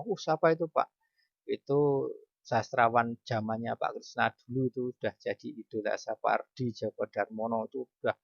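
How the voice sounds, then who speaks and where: A man's voice: mid-range voice, vocal fry, dry recording, highs cut off. A middle-aged man teaching a primary school class online, chatty and correcting himself as he goes, often asking questions. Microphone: computer mic on video call.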